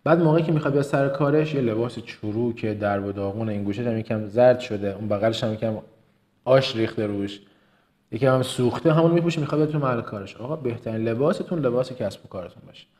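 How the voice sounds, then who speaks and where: This is a business trainer from Kerman, Iran, with a faint Kermani Persian accent, giving a motivational lesson. His voice sits in the mid range with a darkish tone. He stresses points by repeating words and reels off lists quickly.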